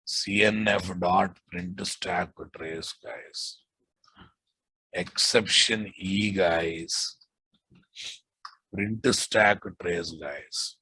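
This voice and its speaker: A man's voice: low voice, fairly even intonation, very slow, long pauses, pushed and bright, husky, dry recording, rough recording. A man with a Telugu Indian accent teaching a live coding lesson, dictating code with repeated phrases and informal asides to his students. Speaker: programming instructor.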